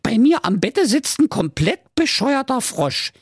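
A man voicing a spoiled, rude rich young woman in a shrill falsetto with a Berlin accent. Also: sing-song, unhurried, slightly rough, no room sound, clean studio sound, exaggerated voice. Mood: snippy.

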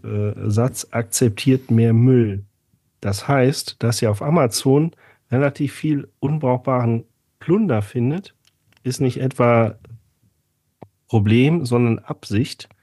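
A man with a dark, husky voice co-hosts a casual podcast. He tells his story sarcastically and fills it with ums and asides. The sound is close and dry. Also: medium pitch, takes it slowly, no echo. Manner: chatty, sarcastic storytelling with many fillers. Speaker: podcast co-host.

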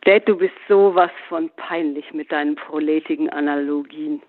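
A man's voice: fairly high pitch, fairly even intonation, moderate pace, lightly acted. A man voicing a defiant young son who talks in a scornful, mocking way. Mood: sneering. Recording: phone-like narrow band.

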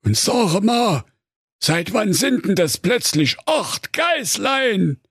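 A man voicing a bumbling, slow-witted fairy-tale brother in a Saxon accent, whiny and dawdling, for a comic audio story. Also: sits high, sing-song, a bit bright, husky, no room sound, studio quality, pitched above the performer's own voice, full character voice. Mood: indignant. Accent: Saxon German.

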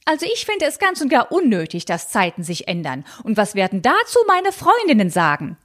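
Woman doing a fussy elderly aunt, high-pitched, fretful, scandalized, storybook reading. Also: wildly swooping pitch, fairly quick, a bit bright, heavily acted. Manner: fretful, scandalized, clinging to convention.

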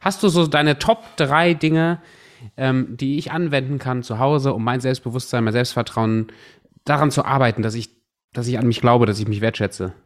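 A man, podcast host, engaged, asks long questions, mid-pitched voice. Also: moderate pace. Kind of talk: conversational interview.

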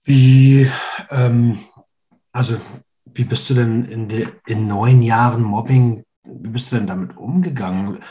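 A man's voice: medium pitch, a little slow, dark tone. A man in his thirties hosting a podcast, chatting casually and asking engaged follow-up questions. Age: 30s. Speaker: podcast host. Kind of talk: casual interview.

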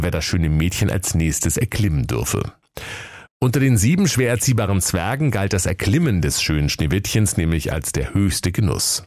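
A man's voice: low-pitched, darkish tone, no echo, studio quality. A man narrating a comic fairy tale in a mock-solemn storybook manner.

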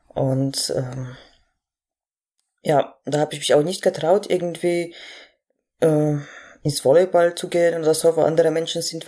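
Low, mellow young woman. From Poland. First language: Polish. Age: 20s. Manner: hesitant, many fillers, laughs easily. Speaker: guest athlete and coach. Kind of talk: casual podcast interview.

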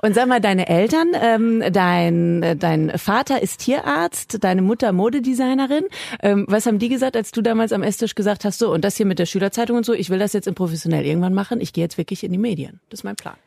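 A woman's voice: medium pitch, quick pace, creaky, a little mellow, no room sound, clean studio sound. A woman hosting a podcast interview, asking casual, probing questions. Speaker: podcast host.

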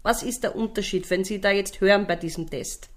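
A woman playing a pedantic hearing tester who slowly repeats her questions. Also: medium pitch, close to an everyday voice. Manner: slow, deliberate questioning.

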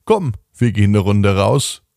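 A man voicing a gentle, wise talking horse in a storybook, in a calm, soft-spoken way. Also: fairly low pitch, measured pace, creaky, no echo, studio quality. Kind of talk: storybook narration.

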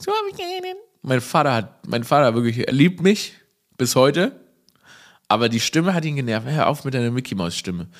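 Ish comedian guy, rambling podcast monologue, mocks himself all the time. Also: medium pitch. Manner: rambling, self-ironic, jokey, laughs at his own stories.

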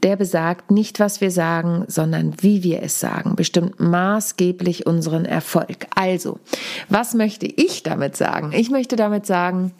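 A woman in her thirties hosting a solo podcast as a speaking coach, talking in a deliberate, coaching way, still a little hoarse from a cold. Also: fairly low pitch, a little mellow. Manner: deliberate, coaching tone, demonstrates stresses. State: lingering cold.

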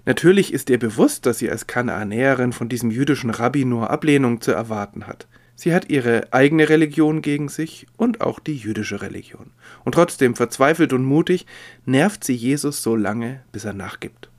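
A man preaching a sermon in a measured, expressive reading voice. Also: medium pitch.

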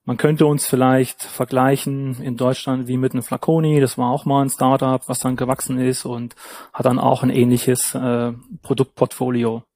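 A man from Germany, a company founder, answering interview questions over a remote call in a measured way, sometimes searching for words. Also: mid-range voice, level tone, darkish tone. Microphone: remote call from abroad.

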